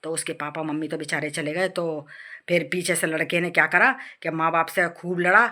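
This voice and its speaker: A woman's voice: sits low, fairly even intonation, normal speed, bright, forceful tone. A woman vlogger narrating a family story in an emphatic, repetitive style with moralizing asides to listeners. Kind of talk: storytelling vlog.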